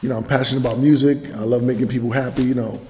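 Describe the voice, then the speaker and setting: A man's voice: mid-range voice, fairly even intonation, mellow, big-room sound, a little hiss or hum. A man from New York, a DJ, talking casually and laughing easily in an interview. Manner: laid-back, repeats words, quick to laugh. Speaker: DJ guest.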